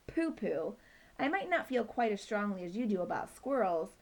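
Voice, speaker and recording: A woman voicing a calm, patient male dog who coaxes his friend along, reading a children's book aloud. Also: mid-range voice, moderate pace. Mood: coaxing. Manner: reasonable, coaxing.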